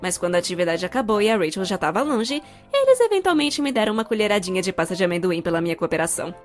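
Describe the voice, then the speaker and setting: A woman with a Brazilian accent delivers scripted comedic narration for an animated story, expressive and playfully sarcastic. Her voice sits at medium pitch and she talks very fast, with music behind her.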